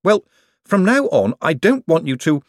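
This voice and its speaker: A man doing a wry, quick-witted rogue. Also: on the high side, very animated, no echo, pitched above the performer's own voice. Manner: dry, wry.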